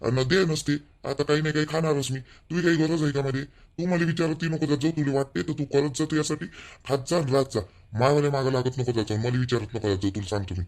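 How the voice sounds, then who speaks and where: A man's voice: medium pitch, steady tone, fast, a little mellow, natural voice. A man playing a curt young husband who brushes off his wife, speaking brusquely. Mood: dismissive. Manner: brusque, dismissive. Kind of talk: village family drama acting.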